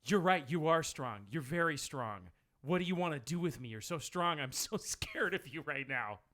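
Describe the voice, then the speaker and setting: A man's voice: a little high, lively intonation, moderate pace, a bit bright. A man playing a nervous, awkward rookie on his first day, speaking in a playful, teasing, fake-soothing therapist tone. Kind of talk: improvised tabletop role-play.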